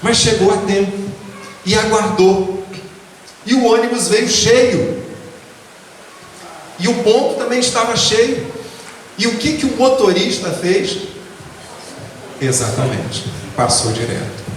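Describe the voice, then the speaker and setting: A man from the Baixada Fluminense, giving a spiritist lecture full of personal stories in an earnest, measured way. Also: distant mic, slight background noise. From Baixada Fluminense, Rio de Janeiro, Brazil. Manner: earnest, measured storytelling with lively pitch swings. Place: spiritist association lecture hall. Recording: echoey hall recorded from afar.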